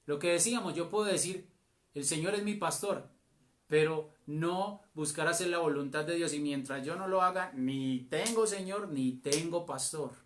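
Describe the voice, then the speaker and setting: A man with a Colombian accent preaching a sermon as a church elder, slow and deliberate with emphatic phrases. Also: a little high.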